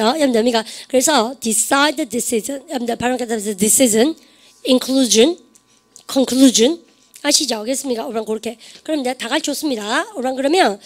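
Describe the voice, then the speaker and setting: High-voiced woman teaching English grammar. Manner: lively, quizzing students with rapid questions. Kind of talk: online grammar lecture.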